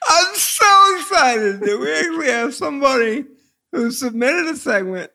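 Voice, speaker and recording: Very high-pitched, creaky male podcast host. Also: animated, sharp tone. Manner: halting, jokey. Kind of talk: casual comedic chat.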